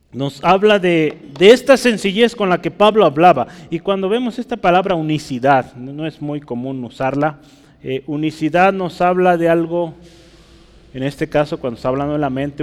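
A man's voice: a little high, big-room sound. Man preaching a teaching sermon. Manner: teaching, rhetorical questions, asks listeners for agreement; writes on a board while speaking.

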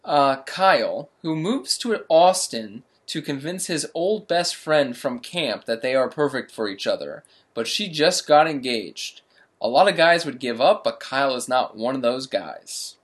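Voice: mid-range voice, animated, a little slow, slightly rough. A podcast co-host bantering casually, wry and opinionated.

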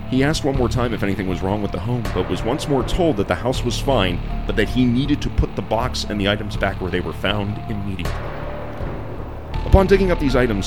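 A man narrating scripted horror tales as a host, in a theatrical, ornate vintage horror-narrator style. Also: on the low side. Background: music behind the voice.

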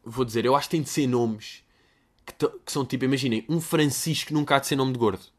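A man's voice: mid-range voice, fast talker. A young man with a European Portuguese accent, answering listener questions in a rambling, crude, jokey comedic monologue.

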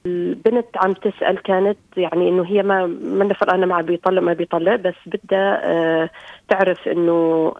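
A woman's voice: on the low side, little pitch movement, brisk, no echo. Woman caller heard over the phone. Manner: hesitant, many fillers and restarts. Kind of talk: call-in question to a religious show. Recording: dry, phone-like line.

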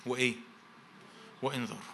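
A man's voice: medium pitch, fairly even intonation, fairly quick, gravelly, a bit bright, slight background noise. A man preaching a sermon as pastor, with an Egyptian accent. He stacks phrases in repeated lists and prompts his congregation with rhetorical questions to finish each verse. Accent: Egyptian Arabic.

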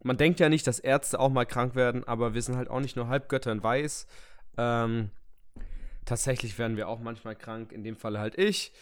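A man's voice: mid-range voice, fairly even intonation, normal speed, smooth. A man co-hosting a casual comedy podcast, stuffed up with a head cold and joking in a mock-serious way. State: congested with a head cold, snotty runny nose. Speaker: podcast co-host.

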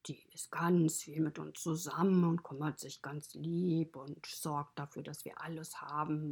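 Brief: cozy farmyard animal storyteller, whispered and gravelly, lowish, voiced by a woman. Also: dark tone, full character voice. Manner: mostly whispered, chatty and confiding. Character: friendly stable animal narrator, fond of children. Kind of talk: children's podcast storytelling.

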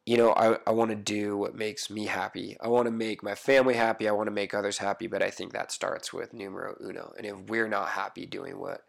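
A man's voice: fairly low pitch, steady tone, a little fast, gravelly, few pauses. A man in his thirties with a stuffy head cold, a photographer being interviewed at home, telling his story in a thoughtful, reflective way. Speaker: photographer guest. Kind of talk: casual interview conversation.

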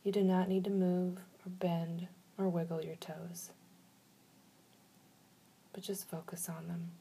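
A woman leading a guided relaxation in a soft, soothing manner, giving slow instructions with long pauses. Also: on the low side, level tone, creaky, a little hiss or hum.

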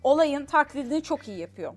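High-voiced woman host giving teasing clues. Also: sing-song, faint music behind. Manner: teasing, quick to turn down wrong guesses. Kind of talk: casual chat, giving clues in a guessing game.

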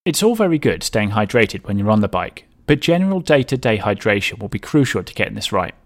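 A man's voice: fairly low pitch, very animated, brisk. A man presenting scripted advice as a coach and podcast host, in a tidy, structured, instructional way.

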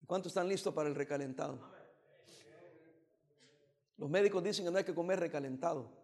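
A man's voice: a little high, brisk, a little mellow. Man, pastor, from El Salvador, teasing playful sermon, long hall reverb. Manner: playful, teasing preaching with bursts of emphasis. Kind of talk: joking sermon.

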